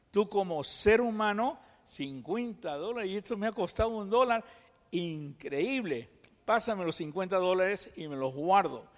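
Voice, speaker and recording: A man from Peru with a Peruvian Spanish accent, preaching a sermon and teaching through lively examples and rhetorical questions. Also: high voice. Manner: animated storytelling, acts out examples, rhetorical questions. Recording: long hall reverb.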